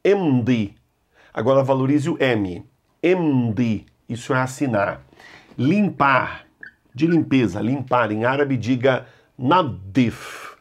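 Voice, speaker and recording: Slow, deliberate male language teacher. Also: mid-range voice, expressive, breathy edge. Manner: slow, deliberate, repeats words for the listener to echo. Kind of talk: language lesson.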